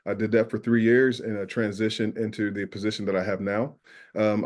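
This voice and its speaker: Casting: man with Southern drawl, lowish voice, earnest school safety presenter on a video call, lots of "uh". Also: a little mellow. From New York. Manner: earnest, many "uh" fillers. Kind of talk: webinar presentation.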